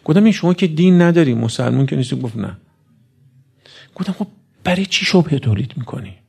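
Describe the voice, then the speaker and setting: A man delivering a sermon, swinging between raised, emphatic lines and low, hushed asides. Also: expressive, gravelly, breathy edge. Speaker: preacher.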